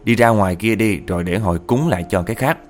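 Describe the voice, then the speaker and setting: A man's voice: lowish voice, quick pace, soft background music, lightly acted. A man playing a stern husband. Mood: commanding. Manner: commanding, firm. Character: stern middle-aged husband.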